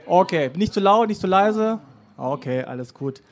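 A man's voice: high voice, lively intonation, normal speed. A man hosting a live podcast interview on an outdoor festival stage, casual and playfully teasing his guest. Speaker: podcast host.

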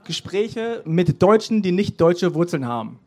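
A man's voice: high voice, sing-song, a little slow, a little mellow. A man hosting a live podcast interview on an outdoor festival stage, casual and playfully teasing his guest. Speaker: podcast host.

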